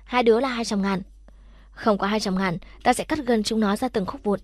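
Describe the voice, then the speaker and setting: A woman's voice: mid-range voice, moderate pace, no echo, studio quality, lightly acted. Brutal hot-tempered gang boss, read by a woman. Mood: threatening.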